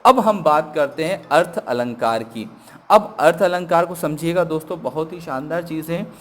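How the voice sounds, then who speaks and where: A man teaches a grammar lesson in a voice that sits a little high. He explains each point step by step and keeps putting questions to his listeners. He slows right down to read the example verses. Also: a little hiss or hum. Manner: explains step by step and asks the class rhetorical questions; reads example verses slowly and deliberately.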